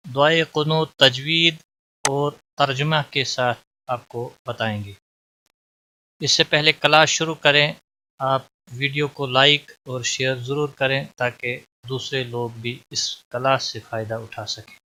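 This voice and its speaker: A man with a very bright, sharp tone, teaching recitation rules at an unhurried pace. He chants each phrase slowly and drawn out, then switches to plain explanations. His voice sits a little above the usual male range. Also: fairly high pitch. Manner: slow, drawn-out recitation alternating with plain spoken instruction. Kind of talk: tajweed lesson, chanted examples then explanations.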